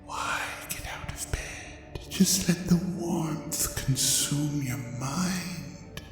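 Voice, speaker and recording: Over soft background music, a mid-range voice draws out its words as a smug, seductive ancient dragon god in an intimate audio drama. The performer's breathy half-whispers tease and coax the listener in a soothing, hypnotic way.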